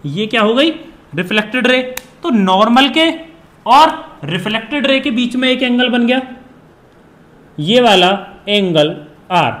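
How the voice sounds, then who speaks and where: Slow, high-voiced teacher in an echoey room. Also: male voice, expressive, a bit bright. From India. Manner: repeats key phrases, dictates definitions slowly. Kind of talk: classroom physics lesson in Hindi and English.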